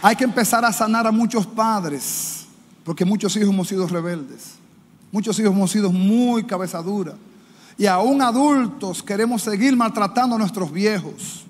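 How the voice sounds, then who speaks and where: A man with a Dominican Spanish accent preaching a sermon as pastor, impassioned, mimicking the people he quotes in higher, louder voices. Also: normal speed. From Dominican Republic. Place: church. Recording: reverberant church hall, faint ambience.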